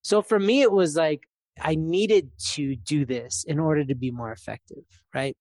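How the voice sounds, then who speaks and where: A man's voice: on the high side, moderate pace, darkish tone, no echo, clean studio sound. A man in his thirties, co-hosting a podcast in casual chat, talking in a loose, reflective way with many fillers. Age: 30s. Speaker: podcast co-host.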